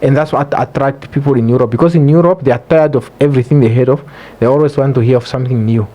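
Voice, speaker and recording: A man's voice: medium pitch, fairly even intonation, fast talker, mellow. A man with a Namibian accent speaking as a podcast guest, explaining things earnestly in casual interview talk.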